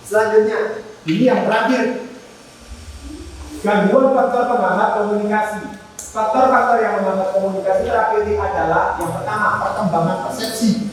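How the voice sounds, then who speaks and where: An animated man gives a classroom lesson, breaking into small acted exchanges between nurse and patient. His voice reaches the camera from across the room, and a long reverb hangs on every phrase. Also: high-pitched, normal speed, faint music behind. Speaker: student teacher. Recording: echoey classroom from far off.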